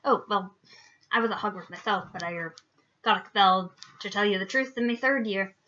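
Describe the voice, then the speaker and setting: Woman reader doing a loud, rustic, kindly giant gamekeeper; bright, forceful tone, lo-fi audio. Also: medium pitch, fairly quick, slight background noise, close to an everyday voice. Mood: rueful. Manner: loud rustic dialect speech. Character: big gruff kindly male giant gamekeeper. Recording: dull lo-fi recording.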